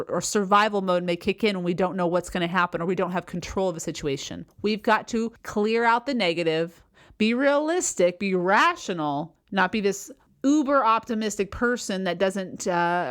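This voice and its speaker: A woman hosting a solo advice podcast, talking earnestly and explaining step by step, often repeating key phrases and speeding up when excited. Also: mid-range voice. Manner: speaks quickly when excited. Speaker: podcast host.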